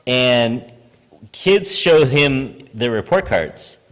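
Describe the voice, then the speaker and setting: A man's voice: medium pitch, expressive, extremely slow, fairly bright tone, in a large hall. A man preaching a sermon in a church, conversational and self-deprecating, tagging lines with "right?" and laughing at himself. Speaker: preacher and high school teacher. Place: church sanctuary.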